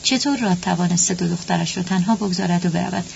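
A woman narrating a story at a steady, even pace. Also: on the low side, gravelly. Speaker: audiobook narrator. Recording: dull lo-fi with faint hum.

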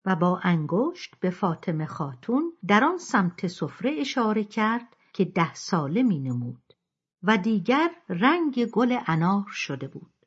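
A woman reads a novel aloud in a steady storytelling delivery. Her voice is husky, and her intonation moves a lot. The recording sounds dull and lo-fi. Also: mid-range voice. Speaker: narrator. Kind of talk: audiobook reading.

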